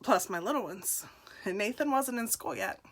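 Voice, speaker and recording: A woman's voice: on the high side, expressive, normal speed. A woman in her forties telling her personal story to the camera, candid and self-deprecating, laughing often. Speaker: nurse and direct seller.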